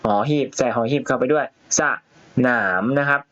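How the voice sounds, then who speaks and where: A man's voice: medium pitch, steady tone, moderate pace, a bit bright, highs cut off. A male primary school teacher leading a reading lesson, reading word by word and spelling syllables letter by letter. He often ends with polite particles and asks pupils to read after him.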